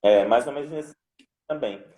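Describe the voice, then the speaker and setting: A man, a guest speech therapist, explaining in a measured way on a live stream. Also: mid-range voice, mellow, echoey room. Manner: measured explanation with hedges and "né?" tags.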